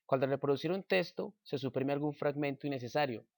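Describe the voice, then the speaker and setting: A man slowly reading out a punctuation lesson at a middling pitch. The voice is dry and close, with no room sound. He pauses after each point. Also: dry recording. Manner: slow, measured reading with example sentences. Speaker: teacher. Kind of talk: reading a grammar lesson aloud.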